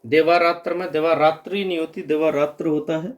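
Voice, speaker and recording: A man's voice: fairly high pitch, level tone, a little fast. A man giving an exam-prep grammar lesson, patiently repeating wrong and correct word forms. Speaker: teacher.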